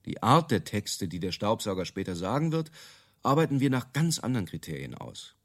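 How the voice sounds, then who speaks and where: In a radio drama framed as an interview, a brash, self-assured male product-marketing creative sells gadget stories. His highly animated delivery swings up and down through emphatic, confident pronouncements, and he comes across as opinionated and quick to brush off objections.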